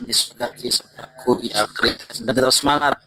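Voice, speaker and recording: A man's voice: mid-range voice, fairly even intonation, fairly quick, noisy background. A man, a pastor, joining a live online debate by call, his voice breaking up over a choppy connection as he halts and restarts sentences. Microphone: remote call microphone.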